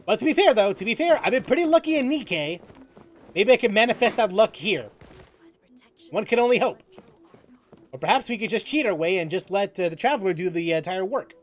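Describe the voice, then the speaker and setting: A brisk gaming streamer with a mid-range voice who pauses often. Animated and jokey, with mild cursing, the streamer reads chat aloud and remarks on the game as background music plays.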